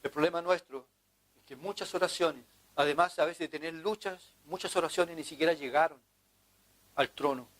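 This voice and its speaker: A man's voice: a little high, normal speed, a bit bright. A man preaching a sermon as pastor, in an impassioned, pleading manner.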